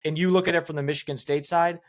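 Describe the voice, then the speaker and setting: A man's voice: fairly high pitch, steady tone, racing. A man co-hosting a sports podcast, talking heatedly with swearing and repeated points. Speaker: podcast co-host. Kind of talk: casual sports podcast chat.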